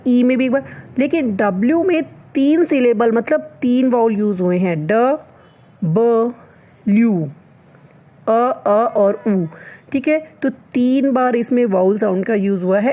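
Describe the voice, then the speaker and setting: Female English tutor, young, slightly high voice, slow read-outs followed by chatty explanations. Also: dark tone, low-quality recording. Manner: reads English facts slowly, then explains chattily. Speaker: English teacher. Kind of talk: explanatory lesson mixing Hindi and English.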